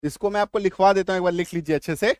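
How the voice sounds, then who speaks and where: A man teaching an English reading lesson in a classroom style, slowly drilling pronunciation and often asking if it is clear. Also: high-pitched, darkish tone, dry recording, clean studio sound. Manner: keeps checking understanding with questions.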